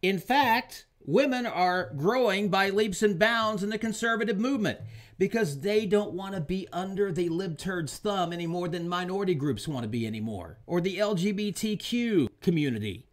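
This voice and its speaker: A man hosts his own talk show, holding forth on politics in a fairly high voice that swoops up and down. He hammers his points with repetition and punchy emphasis, pitching his opinions straight at the listener. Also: lively intonation, moderate pace. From Oklahoma, US. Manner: emphatic, repeats lines for punch. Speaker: show host.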